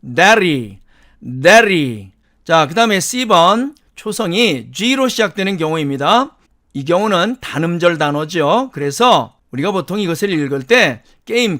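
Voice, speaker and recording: A man with a Korean accent, lecturing on English pronunciation and repeating each example word slowly. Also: sits high, expressive, fairly bright tone. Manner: explains step by step, repeats example words in English. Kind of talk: recorded lecture.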